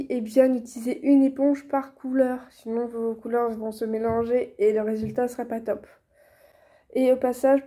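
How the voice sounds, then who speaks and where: A young woman, chatting casually through a how-to tutorial, filling pauses with many hesitations and restarts. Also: a little high, warm tone. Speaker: vlogger teaching reborn doll painting.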